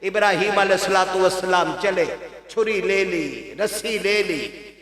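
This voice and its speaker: A man's voice: high voice, fairly bright tone. A man preaching a sermon in an impassioned, rhythmic storytelling manner, through a microphone in a gathering hall. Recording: echoey hall with long reverb.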